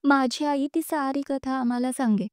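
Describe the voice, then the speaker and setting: A woman storyteller reading a story aloud in an expressive, measured way. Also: high-pitched, no echo, studio quality. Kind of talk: storytelling narration.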